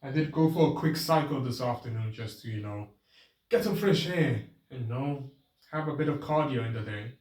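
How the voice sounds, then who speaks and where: A man vlogging a casual, rambling self-reflective monologue, his voice drifting between a trained register and a softer natural one. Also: medium pitch, animated, normal speed. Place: outdoors with his bike. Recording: roomy, distant camera sound.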